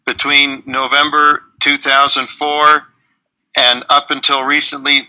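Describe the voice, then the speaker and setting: A man's voice: on the high side, sharp tone, rough recording. Formal man over a phone speaker. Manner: formal, deferential. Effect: heard over a phone speaker. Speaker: caller. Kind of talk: phone call.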